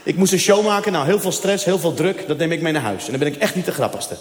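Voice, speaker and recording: A man's voice: on the high side, fast talker. A man performing a stand-up comedy routine, telling a story in a casual way with asides to the audience, in a live venue hall. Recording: echoey hall sound, faint noise.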